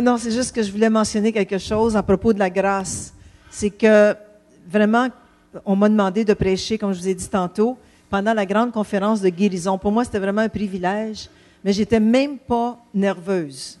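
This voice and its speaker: A woman's voice: medium pitch, steady tone, normal speed, a little mellow. A woman giving a chatty, self-deprecating church testimony. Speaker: pastor's wife, guest speaker.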